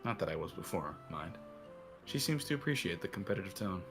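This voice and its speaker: A man narrating a visual novel in a put-on cowboy drawl. His voice sits very low and has a gravelly edge, with faint music playing under the reading. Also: sing-song, brisk. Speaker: narrator and lead reader.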